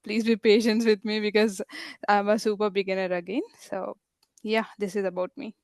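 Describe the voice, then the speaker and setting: A woman's voice: mid-range voice, level tone, moderate pace, a little mellow, dry recording, clean studio sound. A young woman introduces herself politely and a little shyly in an online class, asking for patience. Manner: polite, shy, apologetic.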